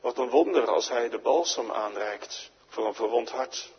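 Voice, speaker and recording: Gravelly, husky preacher in a reverberant church. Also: male voice, medium pitch, moderate pace. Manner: pleading, rising to emphatic climaxes; speaks in voices of sinner and Jesus in dialogue. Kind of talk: sermon. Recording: lo-fi church radio broadcast with long reverb.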